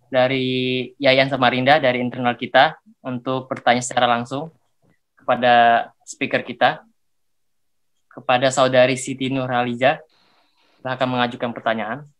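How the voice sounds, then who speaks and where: A man's voice: medium pitch, flat delivery, normal speed, long pauses, fairly bright tone, low-quality recording. A man as moderator, politely and formally inviting a participant to ask a question.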